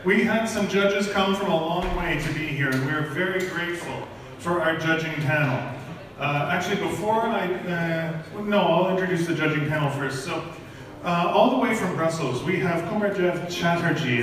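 A man's voice: fairly high pitch, moderate pace, a bit bright. A man with a Canadian accent hosting a live startup competition, upbeat and loose, stumbling over names. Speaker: event host. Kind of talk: live event emceeing. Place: large event hall. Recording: echoey hall, speaker far off, faint noise.

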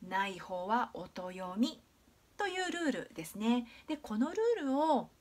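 Her voice is on the high side with big pitch swings: a Japanese woman patiently and clearly teaching English pronunciation in a video lesson. She slowly demonstrates sounds and uses many drawn-out fillers.

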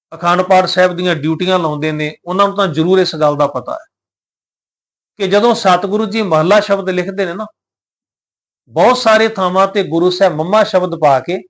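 High-voiced man teaching scripture pronunciation. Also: a bit bright. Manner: addresses the congregation, poses rhetorical questions; measured, explanatory delivery. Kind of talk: devotional teaching talk.

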